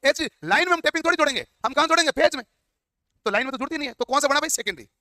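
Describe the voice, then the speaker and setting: Fast, bright-voiced male teacher. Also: very high voice, animated, dry recording, studio quality. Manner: asks and answers his own questions. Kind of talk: classroom lecture. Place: classroom.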